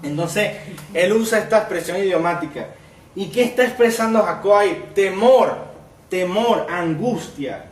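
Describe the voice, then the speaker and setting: A man's voice: high voice, moderate pace, echoey room, recorded from a distance. A man preaching a sermon as pastor, reading scripture aloud with rising emphasis and asking the congregation rhetorical questions. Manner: asks the congregation rhetorical questions and calls them brother.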